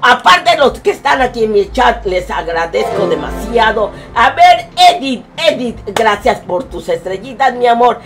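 A woman's voice: a little high, very animated, unhurried, few pauses, faint music behind. Affectionate Mexican woman streamer. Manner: affectionate, calls viewers "my love", sings snatches. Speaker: game streamer. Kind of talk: live game stream, reading chat.

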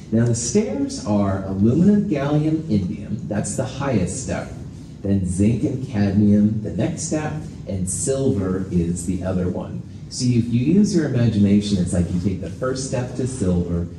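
A man lecturing as a professor in a lecture hall, explaining things in a casual, self-deprecating way. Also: lowish voice. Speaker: chemistry professor. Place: indoor lecture hall with projector screen and chalkboard. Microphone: distant from the speaker. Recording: roomy lecture hall, distant mic, noisy.

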